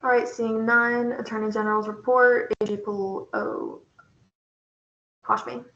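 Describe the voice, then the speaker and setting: A young woman chairing a meeting, brisk and procedural as she calls on each report. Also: a little high, flat delivery, creaky, fairly bright tone, reverberant, muffled recording.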